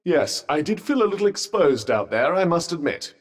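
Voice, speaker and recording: A man's voice: fairly high pitch, big pitch swings, moderate pace. A British man voicing a sentient magic cuff in a video game, a droll, haughty, fussy companion with a pompous, sardonic, wordy way of talking. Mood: dry sarcasm. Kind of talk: scripted game character banter. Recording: long reverberant echo on the voice.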